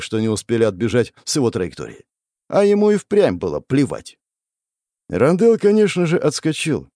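A man narrating dramatic fantasy fiction in an expressive storytelling manner. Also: mid-range voice, no echo, studio quality. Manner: expressive storytelling, voicing the characters. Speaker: audiobook narrator.

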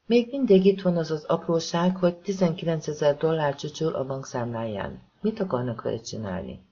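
A man narrating a thriller novel as an audiobook, reading calmly and evenly and giving the characters soft voices. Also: on the high side, creaky, husky. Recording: dull lo-fi audiobook recording.

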